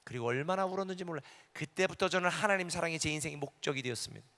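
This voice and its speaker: Passionate middle-aged pastor in an echoing hall. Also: male voice, fairly high pitch, very fast. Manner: emotional testimony swinging from quiet confession to shouted preaching. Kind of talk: sermon. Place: large hall at a conference. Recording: echoey hall with long reverb.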